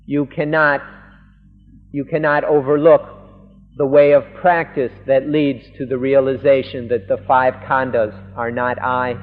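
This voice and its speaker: A man, a monk, interpreting a Buddhist sermon live, speaking earnestly in halting phrases. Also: mid-range voice, little pitch movement. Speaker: monk interpreter of a Dhamma talk. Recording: lo-fi 1980s tape in a reverberant hall.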